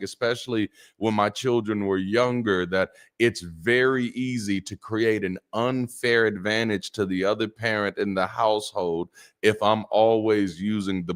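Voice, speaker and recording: A middle-aged pastor with a naturally deep voice delivers a lively, joking sermon, repeating words for emphasis.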